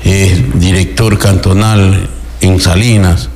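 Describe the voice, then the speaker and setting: A man's voice: sits low, steady tone, slow, darkish tone. A man, hosting a radio interview, who puts questions and adds emphatic comments. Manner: frequent short affirmations, emphatic commentary. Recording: echoey room with faint noise.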